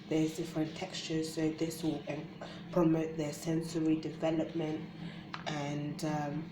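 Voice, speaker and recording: Very slow, lowish-voiced woman presenting. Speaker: children's book presenter. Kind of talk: informal explanation of a baby book to parents and carers. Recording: roomy echo with clear background noise.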